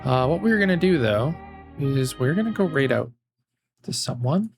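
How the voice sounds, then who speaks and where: A man livestreaming in a relaxed, rambling way, with lots of fillers and a voice that is giving out as he wraps up his stream. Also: mid-range voice, moderate pace, creaky, faint music behind. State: losing his voice. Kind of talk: casual stream sign-off chat.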